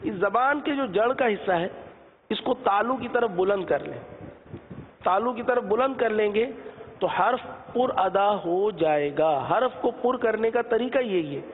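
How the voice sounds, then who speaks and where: High-voiced man teaching letter sounds. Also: lively intonation, in a large hall, phone-quality sound. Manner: explains patiently, drawing out letter sounds slowly. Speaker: Quran recitation teacher. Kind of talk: religious lesson on letter pronunciation.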